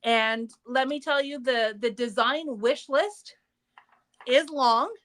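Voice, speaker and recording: A woman's voice: high-pitched, takes it slowly, fairly bright tone. A woman hosting a craft store's live show, chatting casually and upbeat about products and store news. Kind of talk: casual livestream product chat.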